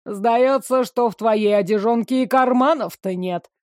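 A woman voicing a gruff, mocking male city guard who talks slowly and tauntingly. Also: fairly high pitch, darkish tone, no room sound, clean studio sound, lightly acted. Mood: sneering. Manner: sneering, slow and taunting.

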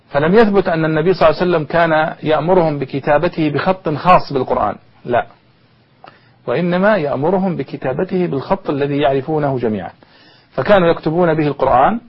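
Fast-talking man lecturing. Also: on the high side, husky. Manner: quizzes listeners with rhetorical questions. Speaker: university lecturer. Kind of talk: classroom lecture. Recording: dull lo-fi recording.

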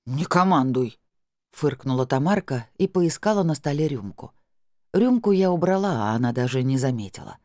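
Lively audiobook narrator, dry sound. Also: mid-range voice, brisk, no echo. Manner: expressive, acts out the dialogue. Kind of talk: first-person story narration.

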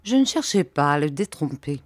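A woman narrating a classic novel as an audiobook reader, in a measured, even manner. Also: deep voice.

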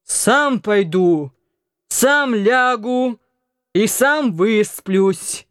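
A woman reading an audiobook, voicing a drunk, rowdy young male naval cadet who shouts hoarsely and chants in a slurred sing-song. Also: on the high side, lively intonation, drawn-out words, no echo, clean studio sound. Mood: drunken bellowing.

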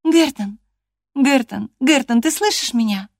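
A woman's voice: animated, unhurried, no echo, studio quality, heavily acted. A woman voicing a proud, stubborn young woman. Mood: coaxing. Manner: high, insistent and pleading.

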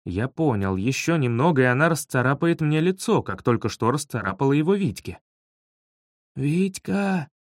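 Expressive male storyteller, lively pitch. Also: fairly quick, hardly any pauses, no echo, studio quality. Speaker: audiobook narrator. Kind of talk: scripted narration of a humorous children's story.

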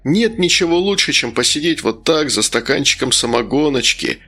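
A man's voice: on the high side, lively intonation, normal speed, creaky, pushed and bright, husky, heavily acted. Medovar, a man doing a brash jovial drinker. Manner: brash, festive. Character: boisterous hard-drinking man, crude and jovial.

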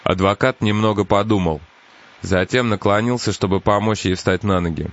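A man narrating an audiobook in an even, unhurried way. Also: lowish voice. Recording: dull lo-fi audiobook with faint hiss.

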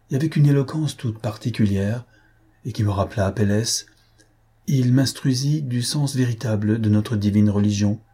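Husky-voiced man reading a classic novel. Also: medium pitch. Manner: even, literary storytelling. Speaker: audiobook narrator.

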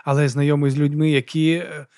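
Brief: man reading as an anxious, people-pleasing guy in his thirties, pitched up, rambling, dry close sound. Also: little pitch movement, quick pace, a little mellow, no room sound, natural voice. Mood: nervously babbling. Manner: nervous babbling. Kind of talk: audiobook character voice.

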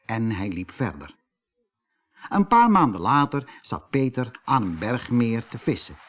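A man reads a children's fairy tale as an audiobook narrator, telling it expressively. His voice is mid-range and his pace unhurried.

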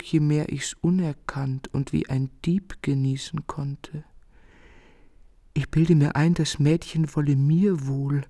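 An actor gives a melancholy confession as a weary, sorrowful artist in a literary radio drama, his phrasing eloquent, earnest and theatrical. His male voice is on the high side with a dark tone.

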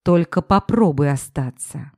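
A woman voicing a pushy, drunken ex-husband who talks cocky and loud. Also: sits low, lively intonation, a little slow, no room sound, studio quality. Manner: boisterous, cocky.

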